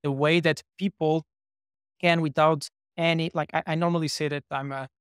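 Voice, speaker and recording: A man's voice: on the high side, little pitch movement, moderate pace, smooth, no echo, clean studio sound. A man in his thirties from Portugal, a startup co-founder, chatting as a podcast guest with many fillers and restarts. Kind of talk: casual interview talk.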